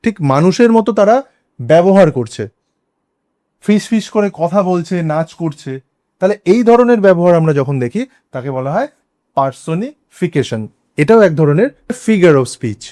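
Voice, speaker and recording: Lively high-voiced Bengali man teaching grammar. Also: unhurried. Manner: spells out words letter by letter, asks rhetorical questions. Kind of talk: explanatory grammar lesson.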